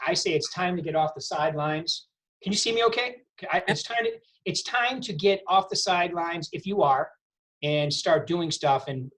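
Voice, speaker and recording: A man's voice: fairly high pitch, fairly bright tone. A middle-aged man coaching a real estate team over a video call, punchy and repeating his points for emphasis. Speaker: sales coach.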